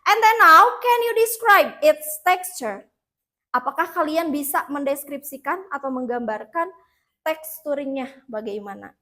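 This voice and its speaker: High, bright-voiced woman teaching slowly. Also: expressive. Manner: slow, clear drilling with repeat-after-me prompts. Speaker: English teacher. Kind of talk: bilingual classroom lesson. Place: classroom.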